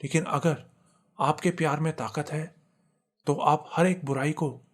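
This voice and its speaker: A man telling a first-person horror story as scripted narration, in a measured, solemn manner. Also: on the high side, fairly even intonation.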